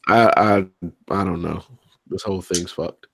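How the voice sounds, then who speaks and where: A man's voice: sits low, steady tone, moderate pace, gravelly, fairly bright tone, no room sound. A man co-hosting a podcast in a casual, joking, loose way, swearing now and then. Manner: laid-back, joking, swears freely. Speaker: podcast co-host. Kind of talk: casual chat.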